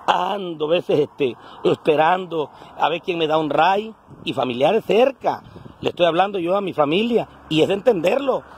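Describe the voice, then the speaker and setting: A man in his forties with a coastal Guerrero Mexican accent vlogs casually into a phone held at arm's length, his talk earthy, salty and colloquial. His fairly high voice is expressive at a normal speed, with a little hiss or hum. It's a selfie monologue to camera that starts inside a house and moves out to a roadside.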